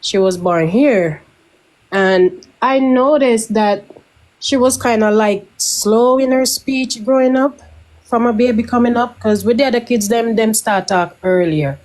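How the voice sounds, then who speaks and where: A middle-aged Jamaican woman calling in to a casual live-stream chat, telling her story quickly and matter-of-factly. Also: a little high, darkish tone. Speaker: caller.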